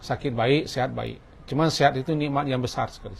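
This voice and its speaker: A man preaching a sermon in a mosque, lively, switching between quiet stretches and loud acted-out voices. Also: medium pitch, fast, gravelly, slight background noise.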